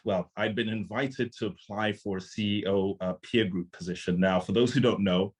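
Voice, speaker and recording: A man's voice: lowish voice, steady tone, moderate pace, breathy edge. A man from Zimbabwe, a startup founder and CEO, giving an earnest, conversational conference presentation over a video call.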